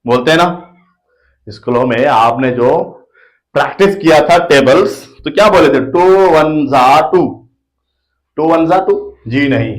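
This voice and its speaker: A man with an Indian accent teaches children a maths lesson playfully, addressing them warmly and often repeating phrases. His voice is medium-pitched at normal speed, on a low-quality recording.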